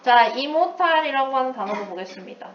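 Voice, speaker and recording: Higher-voiced woman teacher in an echoey room. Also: measured pace, distant mic. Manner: lively explaining with playful asides and English terms. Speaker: English teacher. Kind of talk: recorded lecture. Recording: echoey room, away from the mic, dull lo-fi sound.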